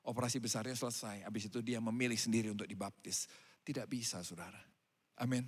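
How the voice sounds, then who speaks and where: A pastor preaching a sermon to his congregation, swinging between loud calls and quiet asides. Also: lowish voice, steady tone, fast, husky. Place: church hall. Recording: hall reverb.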